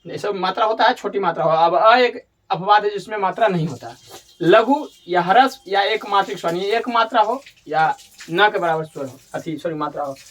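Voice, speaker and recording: Recorded from a distance, this high, slightly bright male voice moves at normal speed through a classroom grammar lesson. He explains each step, says things more than once, and corrects his own slips.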